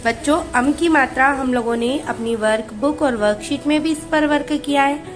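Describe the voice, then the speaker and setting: A woman's voice: high voice, moderate pace, faint music behind. A woman teaching a recorded lesson to small children, patiently asking and answering her own questions and stretching out each word before repeating it. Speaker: kindergarten Hindi teacher.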